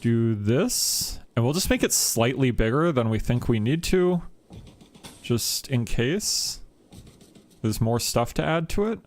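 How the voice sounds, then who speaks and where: A man chatting casually on a live stream while playing a game, rambling with lots of fillers and laughs, getting animated when he tells a story. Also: mid-range voice, takes it slowly.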